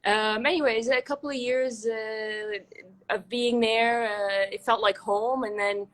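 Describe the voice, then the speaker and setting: A woman's voice: a little high, steady tone, a little slow, poor audio. A young woman from Egypt, a guest in an interview, talking in a reflective, chatty way. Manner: chatty, restarts and fillers, reflective. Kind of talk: casual interview.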